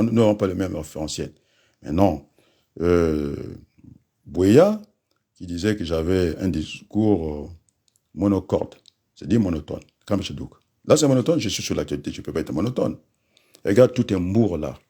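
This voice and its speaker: A man holds forth in a combative political rant, turning to his listeners with quick asides. His voice is very deep, dark and a little husky, and it swings widely in pitch as he pushes his points. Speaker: political commentator.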